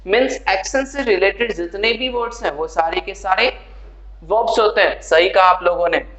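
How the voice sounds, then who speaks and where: High-voiced male tutor in an echoey room. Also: fairly bright tone, lo-fi sound. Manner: chatty teacher addressing students as friends. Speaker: English tutor. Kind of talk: casual classroom explanation.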